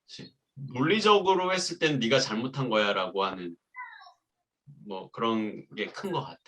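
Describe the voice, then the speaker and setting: A man's voice: medium pitch, lively intonation, normal speed, a bit bright. A man talking reflectively about parenting, sometimes acting out what he said to his child. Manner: reflective, acts out quoted lines. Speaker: host. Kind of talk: casual parenting talk.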